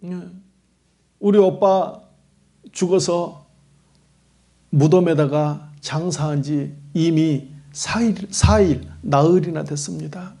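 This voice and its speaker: A man's voice: a little high, takes it slowly, gravelly, long pauses, mellow. A male pastor voicing a grieving woman disciple who pleads in tears during his sermon. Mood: tearful pleading. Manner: plaintive, sobbing pleas.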